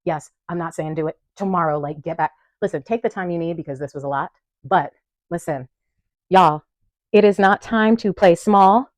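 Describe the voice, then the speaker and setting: A woman's voice: on the low side, moderate pace, darkish tone, no room sound. A young woman speaking to camera at home, defiant and frank, with bursts of laughter between her points. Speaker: vlogger. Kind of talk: impassioned commentary to camera. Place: room at home in front of a wall of photos.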